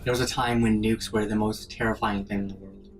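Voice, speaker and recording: With a lowish, fairly monotone voice and a brisk pace, a man gives conversational commentary explaining a video game as it's played. The let's play audio has a distant mic and game music behind.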